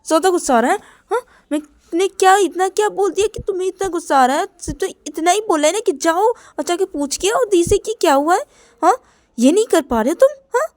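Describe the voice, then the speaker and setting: A woman voicing a demanding young man who keeps pressing his partner, in an insistent, taunting manner with high-pitched shouting. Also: little pitch movement, brisk, hardly any pauses, close to an everyday voice.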